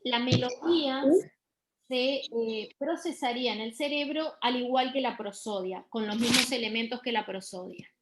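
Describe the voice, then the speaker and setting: Woman teaching a class, slightly high voice, lots of ehs and restarts. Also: moderate pace, fairly bright tone, low-quality recording. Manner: explanatory, with frequent fillers and restarts. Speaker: lecturer in music therapy. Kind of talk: university lecture.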